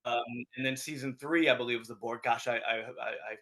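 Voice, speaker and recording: A man's voice: mid-range voice, steady tone, brisk, sharp tone. A man being interviewed on a podcast about his comics, easygoing and hedging in casual chat. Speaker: comic book publisher.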